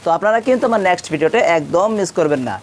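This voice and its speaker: A woman's voice: lowish voice, expressive, rapid-fire, a little hiss or hum. A woman teaching how to recite the call to prayer, asking herself questions and answering them, stretching out the example phrases as she chants them. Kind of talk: explaining the correct call to prayer.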